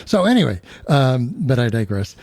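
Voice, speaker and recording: Hesitant man hosting radio, dry mellow voice. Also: mid-range voice, sing-song, normal speed, no room sound. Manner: hesitant, filler-heavy, digressive. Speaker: radio host. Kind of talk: casual radio chat. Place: radio studio.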